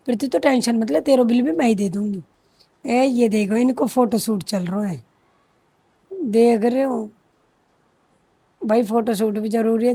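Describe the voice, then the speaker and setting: A young woman vlogger chats with her viewers, keeping up a teasing, joking running commentary. Her voice is high and mellow, with no echo.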